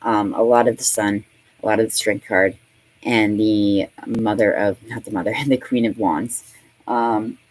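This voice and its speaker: A woman's voice: very deep voice, steady tone, measured pace, darkish tone, poor audio. A woman in her late thirties gives a casual tarot reading in a loose, conversational way. She swears freely, laughs often and fills her talk with "um" and "you know". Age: 30s. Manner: chatty and profane, laughing often, full of fillers. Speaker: tarot reader.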